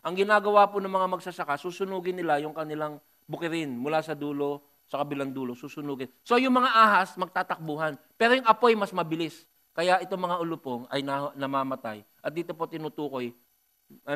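Emphatic Filipino pastor preaching. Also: male voice, a little high, brisk. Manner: emphatic, rising to loud bursts, joking asides. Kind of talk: Taglish sermon.

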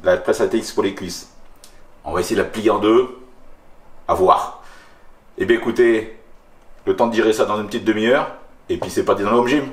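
A man's voice: fairly low pitch, brisk, long pauses, a little hiss or hum. A man in his forties, a fitness vlogger talking in a casual, hyped-up way in his home kitchen. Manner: enthusiastic, hyped-up. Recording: echoey room, voice from far off.

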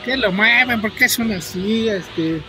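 A man from Mexico with a Mexican accent, chatting to viewers while he plays, rambling, filling every pause with "este" and swearing at the game in bursts. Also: high-pitched. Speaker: gaming streamer. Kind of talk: casual gameplay commentary to viewers. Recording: loud game music under the voice. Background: game music.

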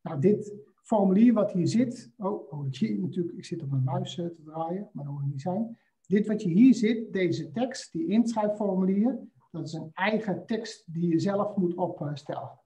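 A man presenting a screen-share software walkthrough, talking hesitantly with frequent filler sounds. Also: high-pitched, lively intonation, moderate pace. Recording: slightly dull lo-fi audio.

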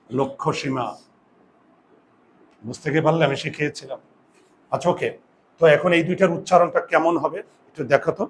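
A man's voice: a little high, a little hiss or hum. A male teacher giving a grammar lesson, explaining step by step and often asking whether his students follow.

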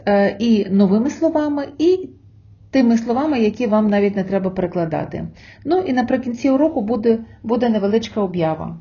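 A woman teaching an online language lesson, explaining letters and sounds in a slow, careful way. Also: medium pitch, dark tone, lo-fi sound.

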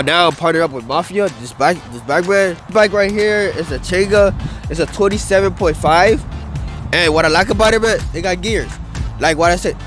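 A young adult man with a slightly high voice is interviewed outdoors on an open grass field near a city skyline, speaking into a handheld mic the interviewer holds. He rides wheelies and talks in a loose, rambling, slangy way, dropping "bro" and "dude" constantly, while background music plays underneath.

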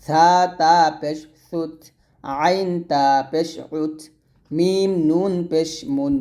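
A man with a Bangladeshi Bengali accent teaching Quran reading, spelling out letters and vowel marks slowly and pausing for students to repeat. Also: a little high, mellow. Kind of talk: slow recitation drill lesson.

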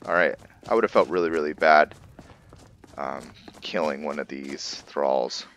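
With video game music behind him, a man whose voice is very deep, gravelly and a bit bright speaks unhurriedly. As a gaming host doing a casual let's-play, he muses aloud while working through his choices.

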